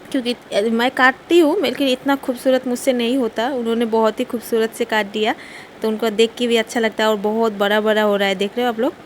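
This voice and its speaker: Young woman w an ish chatting thru her cooking vlog in the kitchen, kinda high voice, bit of hum behind. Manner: chatty, laughs while telling. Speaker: vlogger. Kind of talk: casual home vlog narration. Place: home kitchen.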